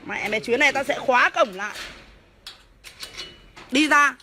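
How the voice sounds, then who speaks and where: A woman, a homeowner shouting and swearing as she scolds police officers at her gate. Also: a little high, animated, fast, noisy background. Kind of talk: heated real-life argument.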